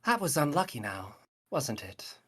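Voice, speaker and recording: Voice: mid-range voice, very animated, unhurried, a bit bright, slightly rough, heavily acted. A game master voicing a mocking, shapeshifting female mirror entity with smug, teasing talk over faint music.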